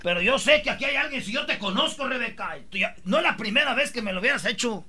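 A man playing a gruff, jealous husband who grumbles suspiciously that something is off. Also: very high-pitched, expressive, fast talker, bright, forceful tone, pitched above the performer's own voice, heavily acted.

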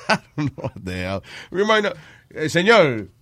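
A man's voice: fairly high pitch, sing-song, takes it slowly, a bit bright, no echo, clean studio sound. A man hosting a morning radio show, joking and laughing often as he switches between Spanish and English. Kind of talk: casual morning radio banter.

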